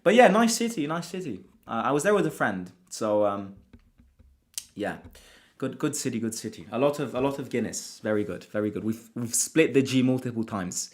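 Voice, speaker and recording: A chatty man from Italy hosts a casual football fan livestream, reading viewer comments in an animated, mid-range voice at a moderate pace. His speech is marked by constant self-interruptions, restarts, and repeated words.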